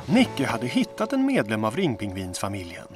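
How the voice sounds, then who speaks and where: A man narrating a dubbed children's cartoon in an expressive storytelling way. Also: lowish voice. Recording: music clearly under voice.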